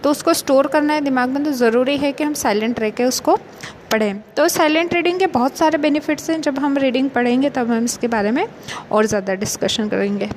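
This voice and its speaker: A young woman teacher gives a patient lecture, mixing in English terms. Her voice sits high, and faint noise hums behind her. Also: fairly quick, darkish tone. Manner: patient, explains with everyday examples. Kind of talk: explanatory lecture in Hindi mixed with English terms.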